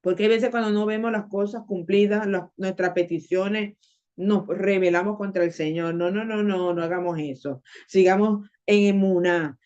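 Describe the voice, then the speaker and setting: A woman's voice: mid-range voice, fairly even intonation, normal speed, warm tone. A woman preaching a sermon with Bible reading, impassioned and repeating phrases to drive them home. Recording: dull lo-fi audio.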